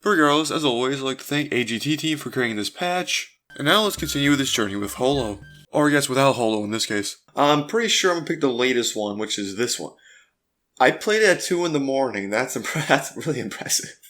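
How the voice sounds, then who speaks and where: A man's voice: mid-range voice, lively intonation, fairly quick, a bit bright. A man hosting a let's play, reading visual novel narration aloud with casual, chatty asides in between.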